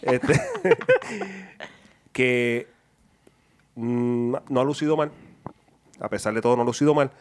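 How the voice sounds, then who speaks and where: A man, measured and a bit hesitant, analyzing football with co-hosts. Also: medium pitch, wildly swooping pitch. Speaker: podcast co-host. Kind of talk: casual sports talk.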